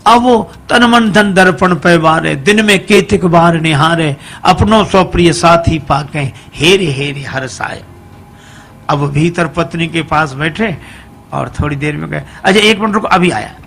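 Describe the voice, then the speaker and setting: A man telling a humorous devotional story sermon in a lively, animated way. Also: fairly high pitch, unhurried, vocal fry, slight background noise. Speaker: religious storyteller.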